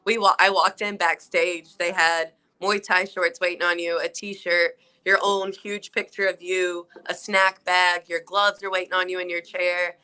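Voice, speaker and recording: Young female fighter guest, lowish bright voice, chatty and upbeat, video-call interview. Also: level tone, a little slow, few pauses, smooth. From South Carolina, US. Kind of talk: casual interview.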